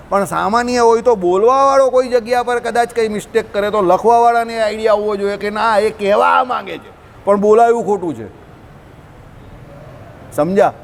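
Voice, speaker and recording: Gujarati man, informal religious teacher, high-pitched, chatty, quizzes his listeners. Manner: conversational, asks listeners questions often. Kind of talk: informal scripture talk to a group.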